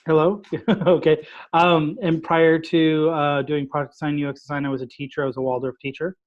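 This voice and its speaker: A man, a product designer and former teacher, introducing himself on a video call in a measured way with fillers. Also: a little high, level tone. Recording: dull video call audio.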